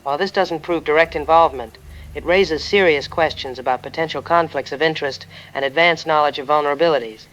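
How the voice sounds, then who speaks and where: In an audio drama, a man plays a serious, analytical investigative journalist exposing corporate profiteering, delivering precise findings as formal news testimony. His natural, slightly bright voice is fairly high and a little fast, and he sounds serious and concerned. The sound is muffled and lo-fi, with noisy ambience.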